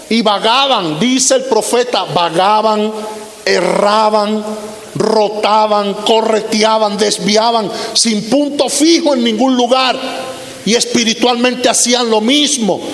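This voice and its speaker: A man's voice: sits high, slow, a bit bright. A man in his fifties, a pastor, preaching a sermon with emphatic repeated lists. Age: 50s. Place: church sanctuary. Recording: roomy hall reverb with faint hiss.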